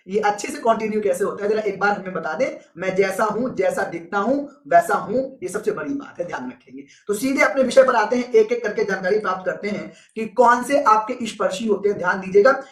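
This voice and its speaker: A man's voice: high voice, a bit bright, reverberant. A male teacher giving a live online exam-prep lesson, repeating key points with emphasis and answering viewer comments as he goes.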